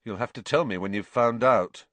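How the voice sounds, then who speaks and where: A man's voice: mid-range voice, moderate pace, fairly bright tone, dry recording, lightly acted. A man voicing a glum, resigned teenage schoolboy wizard in a storybook, speaking with a heavy, bitter manner.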